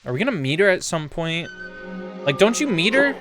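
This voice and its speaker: Brief: male game streamer, a bit high, rambly, filler-heavy casual chat, game music playing behind. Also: a little fast. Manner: rambling, full of "like" and restarts; gets loud and excited in bursts. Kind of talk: casual live-stream chatter while gaming.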